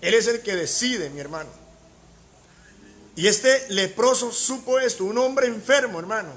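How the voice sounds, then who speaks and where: A man's voice: sits high, expressive, measured pace, a bit bright. A man preaching a sermon as pastor, emphatic, with rhetorical questions and repeated key words.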